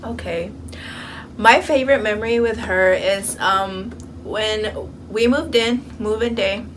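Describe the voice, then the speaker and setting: A woman's voice: medium pitch, takes it slowly, slight background noise. Young woman chatting in a dorm room. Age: young adult. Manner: relaxed, hesitant, with fillers. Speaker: vlogger. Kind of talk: casual chat.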